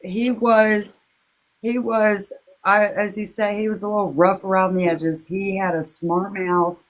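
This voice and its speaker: A woman speaking as an interview guest, recalling personal matters in a halting, heartfelt, casual way. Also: medium pitch, level tone, rough recording. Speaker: interview guest, victim's relative.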